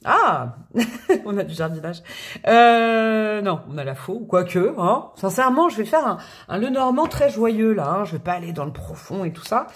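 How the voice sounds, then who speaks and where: A woman giving a casual, chatty tarot reading to her viewers, expressive and laughing often between her thoughts. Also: mid-range voice, normal speed. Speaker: tarot card reader.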